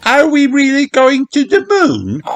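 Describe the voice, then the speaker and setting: A man's voice: very high voice, wildly swooping pitch, unhurried, slight background noise, pitched above the performer's own voice, heavily acted. A man voicing a cheerful, bossy young girl piglet in a children's storybook. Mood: wondering.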